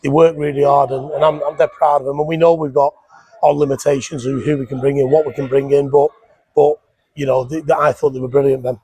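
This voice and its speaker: A man, a football manager giving an animated post-match interview on a headset mic in a stadium press box. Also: mid-range voice, fast, breathy edge, no echo. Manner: animated, repeats words when fired up.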